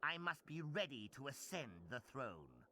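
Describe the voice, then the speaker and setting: Pompous mustache-twirling evil prince for a game, big swooping pitch, bright forceful voice. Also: male voice, huge pitch swings, a little slow, a little hiss or hum, exaggerated voice. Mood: scheming, commanding. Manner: theatrical mustache-twirling villain, pompous and commanding. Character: scheming, mustache-twirling villain prince, grandiose and power-hungry.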